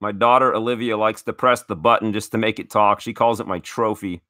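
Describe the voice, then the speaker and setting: A man's voice: on the low side, fairly even intonation, fairly quick, sharp tone, no echo, studio quality. A man hosting a casual card-opening show, enthusiastic and grateful, often restarting his sentences. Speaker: card collecting show host.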